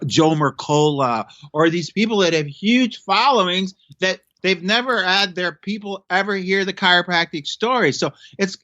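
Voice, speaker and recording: Fifties male podcast guest, emphatic and preachy, fairly high and forceful, lo-fi and dry. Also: no room sound. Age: 50s. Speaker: chiropractor guest. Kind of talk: casual podcast chat. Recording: dull lo-fi sound.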